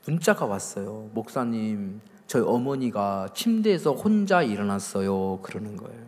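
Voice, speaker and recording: A man pastor preaching a sermon, telling a story with acted-out dialogue and building to loud emphasis. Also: on the low side, expressive, normal speed. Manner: storytelling, acting out quoted dialogue. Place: large hall at a summer church camp. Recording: long hall reverb.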